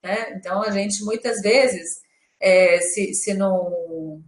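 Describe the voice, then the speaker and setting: A woman's voice: medium pitch, steady tone, takes it slowly, roomy sound. A woman, a mother, talking earnestly and chattily about parenting on a live stream. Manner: chatty, earnest, with many fillers. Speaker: co-host and mother.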